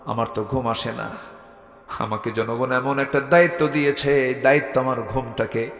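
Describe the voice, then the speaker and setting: A preacher voicing a grave humble caliph. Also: male voice, steady tone, moderate pace, a bit bright, close to an everyday voice. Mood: solemn. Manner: low, subdued and earnest. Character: humble devout male caliph, grave and remorseful. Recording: echoey hall with faint music.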